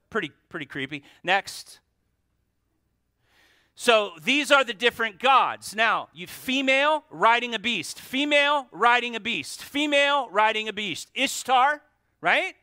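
A man's voice: high-pitched, pushed and bright, no echo, clean studio sound. A man preaching a sermon at a pulpit microphone. He stresses key words, repeats them, and puts rhetorical questions to the congregation. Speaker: pastor.

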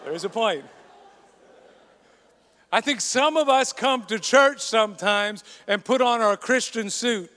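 A man's voice: very high voice, unhurried, long pauses, pushed and bright. A man preaching a sermon in an earnest, conversational storytelling way. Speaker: pastor. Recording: long reverb of a large hall.

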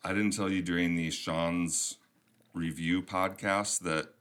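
A man's voice: low-pitched, fairly even intonation, slow, fairly bright tone. A young man with a Minnesotan accent hosting a casual podcast, rambling and self-deprecating with easy chuckles. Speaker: podcast host.

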